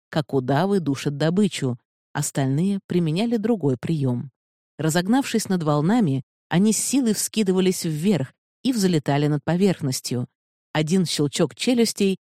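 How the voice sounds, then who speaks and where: An audiobook narrator reading a fantasy novel in a measured, steady way, close to the mic. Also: mid-range voice, dry recording.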